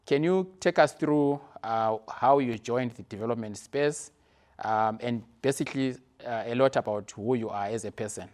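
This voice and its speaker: A middle-aged man hosting a podcast, asking questions in a measured way with some fillers. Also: mid-range voice, a little mellow. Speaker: podcast host. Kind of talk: interview.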